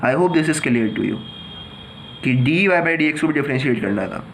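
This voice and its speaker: A male math teacher walks students through a problem slowly and deliberately, speaking a touch higher than most men. He talks to them as children, asks a question and answers it himself. There is a faint hiss behind him. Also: animated, gravelly, a bit bright. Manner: explains step by step, mixing Hindi and English. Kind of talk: whiteboard math lesson.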